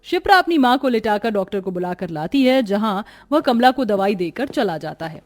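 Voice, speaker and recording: A woman narrating a scripted family story in a plain, steady way. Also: medium pitch, moderate pace.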